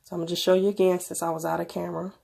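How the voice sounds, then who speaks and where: A woman video presenter talks through a casual gadget review. Her voice is on the low side, with a lot of gravelly fry, and she sounds stuffed up with a cold. Her delivery is informal and conversational. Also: level tone, racing, darkish tone. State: sick with a cold, stuffy nose. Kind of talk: casual tech review narration.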